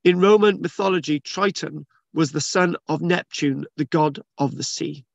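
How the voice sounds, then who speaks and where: A man's voice: a little high, moderate pace, vocal fry, dry recording, dull audio. A man reading news articles aloud and commenting in a rambling, casual way, with many restarts and fillers. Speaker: channel host reading and discussing archaeology news. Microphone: video call screen share.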